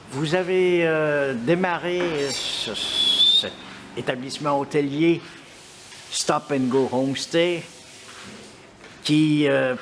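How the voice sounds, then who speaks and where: A man interviewing a guest, asking questions hesitantly with many filler pauses. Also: fairly high pitch, a bit bright, a little hiss or hum. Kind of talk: casual interview.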